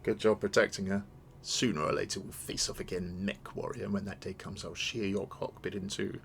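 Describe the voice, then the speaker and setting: A man's voice: low voice, flat delivery, normal speed, gravelly, fairly bright tone, slight background noise. A man voicing a proud, scornful captured villainess from a video game, with the threatening manner of a sputtering foiled villain. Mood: mocking. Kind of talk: dramatic read-aloud of video game dialogue.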